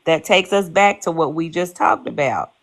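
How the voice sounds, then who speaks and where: A woman guest on a video call group chat who starts haltingly, then explains her view steadily. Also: sits low, expressive. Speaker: guest caller.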